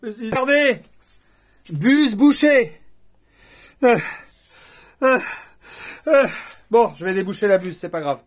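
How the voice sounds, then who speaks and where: A man's expressive voice sits high, at normal speed with long pauses. As a YouTuber, he chats casually to his viewers on camera, rambling and cracking jokes along the way.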